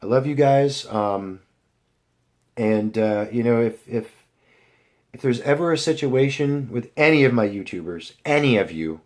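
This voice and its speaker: This young vlogger has a mid-range voice that is expressive and a little slow. He chats casually and rambles to his viewers, filling gaps with fillers and starting over often.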